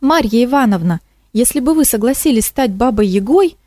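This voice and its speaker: A woman's voice: fairly high pitch, lively intonation, fairly quick, mellow, no echo, studio quality, voice pushed up. Woman voicing Moroshka, an eager swamp kikimora. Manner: pleading, enthusiastic.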